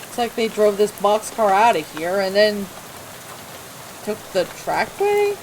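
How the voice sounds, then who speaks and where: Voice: mid-range voice, a little slow. A let's-play gamer commenting playfully and reading game dialogue aloud. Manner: animated, jokey, reads dialogue aloud. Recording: rain noise behind.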